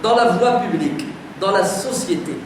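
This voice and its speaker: Speaking at a moderate pace in a high, expressive voice, a man from France preaches to a live community audience. His lively lecture is conversational, full of emphatic rhetorical questions aimed at the crowd, in a community centre hall captured distantly with lots of echo and noise.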